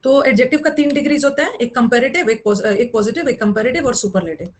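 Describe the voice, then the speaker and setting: A woman's voice: a little high, fast, low-quality recording. A young woman teaching an online English grammar class, mixing explanation with chatty scolding asides to her students.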